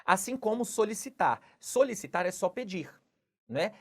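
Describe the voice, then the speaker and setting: A woman's voice: mid-range voice, big pitch swings, normal speed. A woman teaching Portuguese grammar, walking through exam questions and checking in with "não é?" after nearly every point. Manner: explanatory, repeats "não é?" and "tudo bem?" often. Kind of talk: exam question walkthrough lesson.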